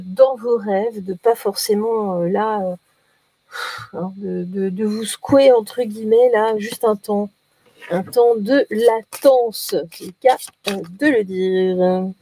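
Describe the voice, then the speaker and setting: A woman's voice: medium pitch, mellow. A woman giving a casual daily oracle card reading, chatty and playful, often hesitating as she talks.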